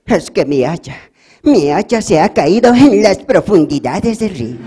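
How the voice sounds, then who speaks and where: A man's voice: high voice, sing-song, measured pace, mellow, breathy edge, voice pushed up, heavily acted. A man doing a wailing poor carpenter. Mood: distraught. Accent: Bolivian Spanish. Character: poor crying male carpenter.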